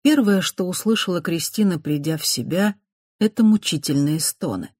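An audiobook narrator reading a fantasy novel in a steady storytelling manner. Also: mid-range voice, normal speed, dry recording, studio quality. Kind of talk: scripted narration.

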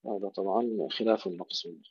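Man, tajweed teacher, recites and repeats words slowly, precise, muffled dry audio. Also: fairly low pitch, steady tone, slightly rough, no echo. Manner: slow and precise, repeats words to contrast right and wrong pronunciation. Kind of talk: tajweed lesson with recited examples. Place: home or small room, steps away to handle a phone.

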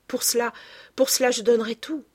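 A woman's voice: a little high, steady tone, fairly quick, breathy edge, pitched above the performer's own voice. A woman voicing an anguished young man obsessed with his youth, pleading and tearful, in an audiobook reading.

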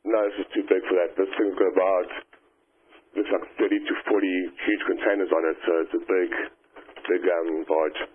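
A yacht crew member reporting an incident to the coast guard over a marine VHF radio, calm and plain in his radio procedure. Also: sits low, normal speed, slight background noise. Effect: marine VHF radio transmission. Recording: narrow-band marine radio.

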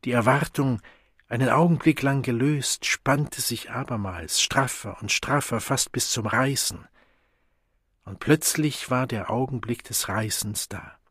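A man narrating an audiobook in a dramatic reading, swinging between hushed passages and loud outbursts. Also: medium pitch, unhurried, breathy edge, no echo, clean studio sound. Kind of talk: scripted narration.

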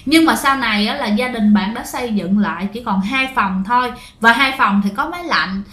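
A chatty woman with a Southern Vietnamese accent telling ghost stories to her listeners. Her voice is fairly high, and the room gives it a roomy echo. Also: animated, normal speed, a bit bright. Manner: chatty, addresses listeners directly. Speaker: ghost story narrator. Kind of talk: casual storytelling to listeners.

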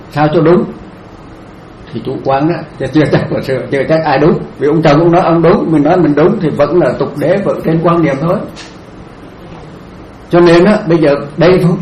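Monk giving a dharma talk, gentle, repeats himself, chuckles a lot, echoey room. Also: male voice, on the high side. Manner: gentle, repeats phrases, laughs often. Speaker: Buddhist monk teacher. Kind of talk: dharma talk answering questions. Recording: echoey room, faint noise.

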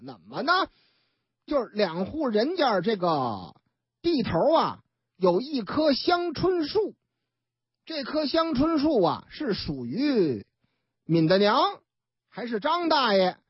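A woman tells the news like a street storyteller, chatty and full of asides. Her voice sits fairly high and leaps around in pitch, with a husky edge. It's dry and a bit dull, like older broadcast audio. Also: dry recording.

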